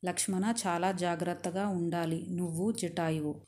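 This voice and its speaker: A woman voicing a noble, gentle but resolute prince in a storytelling reading, calm and measured. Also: on the low side, natural voice. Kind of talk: storytelling narration.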